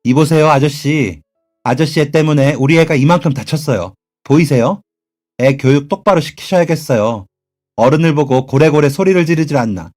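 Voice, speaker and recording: A fiercely protective mother snaps at everyone around her, loud and sharp, in a narrated radio story, as a man puts her on. Her pitch rises a little above his usual reading voice, and soft music plays underneath. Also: normal speed, lightly acted. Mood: indignant, scolding. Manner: sharp and scolding. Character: angry protective divorced mother, 30s.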